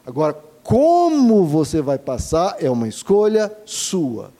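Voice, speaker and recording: Brazilian pastor preaching, mellow high voice. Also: male voice, huge pitch swings, a little slow. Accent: Brazilian Portuguese. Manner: earnest, asks the congregation rhetorical questions and stacks repeated phrases. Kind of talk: sermon.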